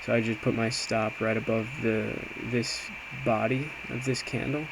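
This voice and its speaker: A man with a mid-range voice speaks at normal speed, giving a casual recap of his trades. He's an amateur day trader, hesitant and self-reflective, informally walking through a screen. The recording is clear, with steady noise behind it.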